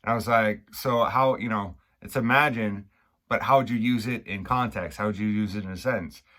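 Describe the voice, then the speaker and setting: A man from Maine with a Maine accent, casually explaining local slang in a halting, rambling way, repeating and restarting phrases. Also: lowish voice, a bit bright. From Maine, United States. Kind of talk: casual unscripted explainer chat.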